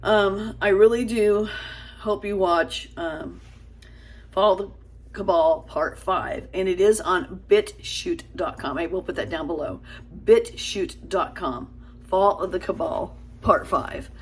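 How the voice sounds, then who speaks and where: A woman hosting her own small channel, talking earnestly to camera in a casual, halting way, tripping over her words with fillers and restarts. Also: medium pitch, slightly rough. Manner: earnest, pleading.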